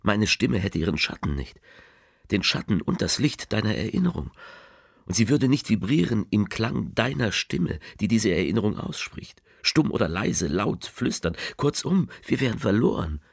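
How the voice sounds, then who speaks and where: A man voicing a letter writer who speaks tenderly to a loved one, reading slowly and softly in a radio play, often sinking into a near whisper. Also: sing-song, no room sound, studio quality, heavily acted. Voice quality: very deep, gravelly, husky. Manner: slow, hushed, often half-whispered.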